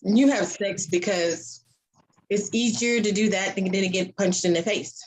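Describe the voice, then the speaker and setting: A woman's voice: mid-range voice, a little slow, a little hiss or hum, poor audio. A woman hosting an open discussion, talking earnestly and candidly about her own experiences. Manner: earnest, storytelling, with sudden loud bursts. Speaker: host.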